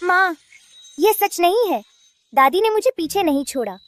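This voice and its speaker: A woman voicing a sweet, gentle and forgiving young girl in a dubbed cartoon, earnest in her pleading. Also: very high-pitched, big pitch swings, unhurried, no echo, studio quality, soft background music, full character voice. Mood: reassuring.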